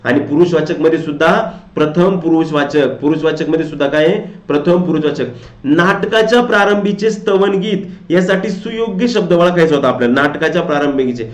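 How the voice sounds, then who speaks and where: Echoey coaching teacher, higher voice. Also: male voice, brisk. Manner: repeats questions back to students, addresses them as friends. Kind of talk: lecture going through exam questions.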